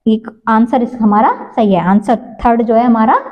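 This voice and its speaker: A woman teacher giving a grammar lesson, asking the class questions and answering them herself, repeating points slowly and stretching out sounds. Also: a little high, dull audio.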